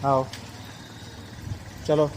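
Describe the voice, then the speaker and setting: A young father with a western Uttar Pradesh Hindi-Urdu accent, filming a casual vlog and gently, playfully coaxing his small child. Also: drawn-out words, crowd noise. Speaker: vlogger and father. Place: outdoors by a street market. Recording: outdoor phone recording with loud street noise.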